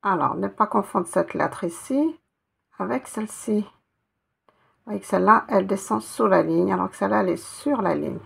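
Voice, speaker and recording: A woman's voice: medium pitch, moderate pace, creaky, fairly bright tone, husky. A woman teaching Arabic letters one by one, patiently spelling out each sound and repeating it. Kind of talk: step-by-step reading lesson.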